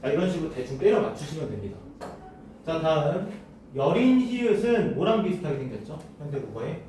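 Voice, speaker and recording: A man lectures a classroom, quizzing his students and answering his own questions in a lively, mellow voice that rises and falls. He sounds some distance from the mic, and the room around him echoes heavily. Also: fairly high pitch, a little fast, slight background noise. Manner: asks students questions and answers them himself. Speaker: teacher.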